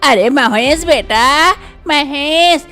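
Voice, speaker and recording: A woman doing a shrill fussing mother-in-law. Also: extremely slow, pushed and bright, faint music behind, full character voice. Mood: fretful urging. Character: anxious elderly village mother-in-law.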